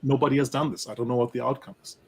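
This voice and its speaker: A man with a German accent speaking as an analyst guest in a panel discussion, animated and peppering his points with rhetorical tag questions. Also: mid-range voice, very fast, a little hiss or hum. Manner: animated, rhetorical "right?" tags.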